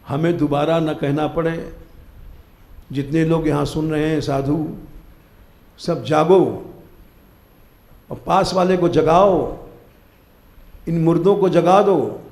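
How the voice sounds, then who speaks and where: A man's voice: fairly high pitch, steady tone, slow, pauses often, a little mellow, reverberant. An older man giving a live devotional discourse as a spiritual teacher, urging his listeners firmly to wake up and keep their vows. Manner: exhorting, commanding listeners to wake up. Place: temple hall, live gathering.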